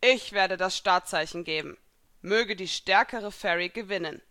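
A woman's voice: mid-range voice, unhurried, bright, forceful tone. A woman gives voice to an older male guild master calling a duel to begin. He speaks formally and ceremonially, raising his voice for the announcement.

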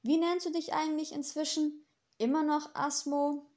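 A woman voicing a gentle, well-meaning male angel in an audiobook, earnest and primly polite. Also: high-pitched, flat delivery, moderate pace, pitched above the performer's own voice, close to an everyday voice. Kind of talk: audiobook character reading.

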